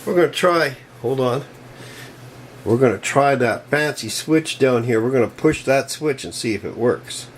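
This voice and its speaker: An older man narrating a hands-on computer repair in a casual, folksy, chatty way, with bursts of excitement. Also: mid-range voice, moderate pace, slight background noise, poor audio. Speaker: PC repair hobbyist.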